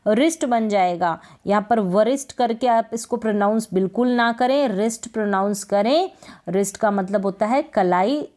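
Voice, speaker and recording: A woman's voice: on the high side, darkish tone. A woman teaching English pronunciation, explaining patiently, repeating each word and answering her own questions. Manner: patient, repeats words and asks questions then answers them. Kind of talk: explaining lesson.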